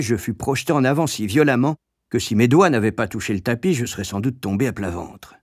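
A man narrating an audiobook in a measured, grave storytelling manner. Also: medium pitch, darkish tone, no room sound, clean studio sound.

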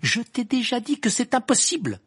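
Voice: mid-range voice, animated, fairly quick, vocal fry, darkish tone, husky, pitched above the performer's own voice, exaggerated voice. A reader voicing a haughty, clever teenage witch with acid retorts, in an amateur audiobook reading.

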